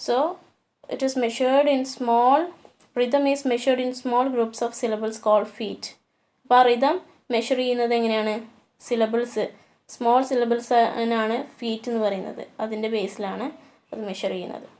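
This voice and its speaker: A woman gives a poetry lecture. Her voice sits a little high, and her delivery is slow overall. She reads the English lines deliberately and hesitates over her explanations. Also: flat delivery, a little mellow. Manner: hesitant, with many fillers. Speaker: teacher.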